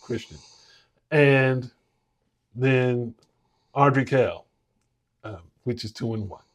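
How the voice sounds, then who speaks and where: Man, podcast co-host, plain mid voice, slow deliberate delivery. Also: medium pitch. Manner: unhurried, hesitant with fillers. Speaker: podcast co-host ranking high school teams. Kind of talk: casual sports talk.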